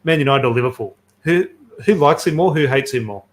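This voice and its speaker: An Australian man hosts a casual football podcast, his medium-pitched voice brisk and animated. Chatty and enthusiastic, he tells stories packed with fillers.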